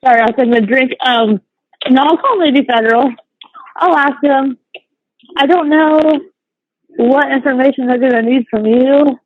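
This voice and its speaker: A woman's voice: sits high, moderate pace, pauses often, dry recording. A woman chatting informally over a prison phone call, talking as a friend to an inmate. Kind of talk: casual personal phone chat. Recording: dry, tinny prison phone line.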